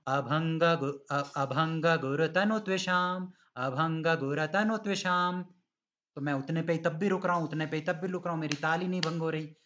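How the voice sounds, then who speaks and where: A man teaching Sanskrit pronunciation in an online class, patiently correcting students and demonstrating recitation slowly. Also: a little high, fairly bright tone, lo-fi sound.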